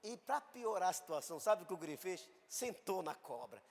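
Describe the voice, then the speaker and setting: Lively, high-voiced Brazilian pastor preaching. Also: male voice, fairly quick, vocal fry, big-room sound. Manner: animated, acts out voices in quotes. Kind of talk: sermon with storytelling. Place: church hall.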